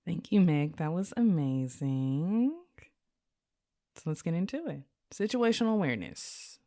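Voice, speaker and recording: A woman co-hosting a podcast, chatting in a friendly, upbeat way and explaining ideas briskly. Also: low voice, lively intonation, warm tone. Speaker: podcast co-host. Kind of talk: casual chat.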